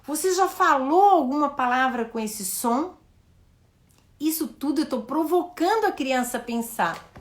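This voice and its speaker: A Brazilian woman teaching in a live session, modelling the questions she asks a child and explaining each step with slow, stressed words. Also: high voice, animated. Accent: Brazilian Portuguese. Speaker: educator hosting a live session.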